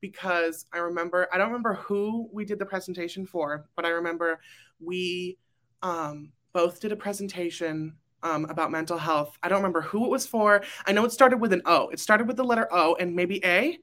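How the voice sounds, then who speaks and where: A woman's voice: on the low side, fairly quick, fairly bright tone. A young woman, a graduating student council member, talking casually on a podcast, emotional and rambling with fillers and restarts.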